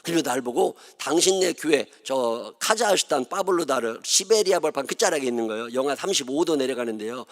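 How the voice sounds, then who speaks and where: A man's voice: mid-range voice, lively intonation, a little fast, few pauses. A middle-aged man from Chungcheong province, speaking with a Chungcheong Korean accent, preaching a revival sermon as a pastor in folksy, joking storytelling. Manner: folksy, joking, mutters and mimics others. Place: church sanctuary.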